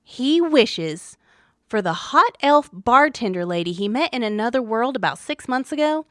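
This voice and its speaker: A woman's voice: fairly high pitch, lively intonation, moderate pace, a bit bright, dry recording, studio quality. Wry woman narrating a tabletop tale. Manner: wry, dramatic storytelling. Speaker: story podcast host. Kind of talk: scripted narration.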